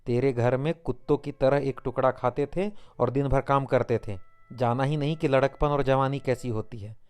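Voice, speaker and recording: Man voicing an insolent young villager, shouting, coarse, storybook audiobook. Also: medium pitch, fairly even intonation, normal speed, clear, resonant tone, lightly acted. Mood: resentful.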